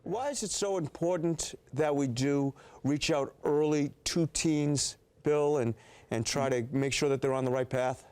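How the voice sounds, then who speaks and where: A man's voice: fairly high pitch, unhurried, a little mellow, smooth. A man hosting a TV talk show, asking friendly questions with a joking touch. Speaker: TV show host. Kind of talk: TV studio interview.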